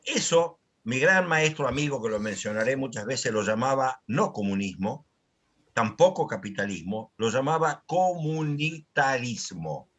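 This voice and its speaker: A man's voice: medium pitch, lively intonation, measured pace, fairly bright tone. An older man, giving a reflective, conversational lecture in a dialogue series.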